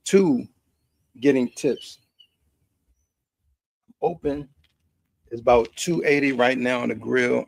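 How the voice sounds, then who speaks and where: American dude rambling on a grill stream, kinda creaky voice, folksy, says stuff twice, no echo. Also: male voice, mid-range voice. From United States. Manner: folksy, repeats phrases for emphasis. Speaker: host of a cooking and chat stream. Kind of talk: casual rambling live-stream chat while grilling. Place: outdoors in a quiet backyard.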